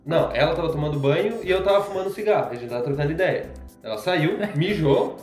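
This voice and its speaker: A young man, his voice a little higher than most, talks in easygoing, slangy podcast chat. The room adds a roomy echo, with faint music underneath. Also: animated, fast talker, darkish tone.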